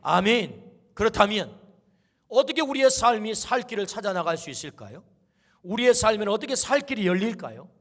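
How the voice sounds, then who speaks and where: A man's voice: high voice, sing-song, brisk, a bit bright. A middle-aged male pastor delivering an exhorting sermon, calling the congregation to answer amen. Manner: exhorting, call-and-response with amen. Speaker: senior pastor.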